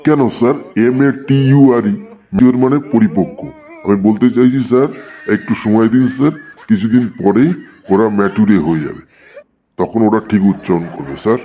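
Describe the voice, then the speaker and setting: A man's voice: fairly low pitch, fairly quick, dark tone, lightly acted. A man voicing a smug village teacher in a cartoon comedy, explaining patiently and with self-assurance. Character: smug male village teacher, sure of his wrong English.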